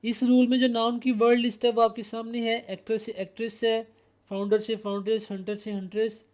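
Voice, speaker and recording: A man's voice: very high-pitched, flat delivery, brisk, darkish tone. A man with a Pakistani accent teaching English grammar, explaining word pairs and asking himself rhetorical questions. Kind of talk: explanatory lesson.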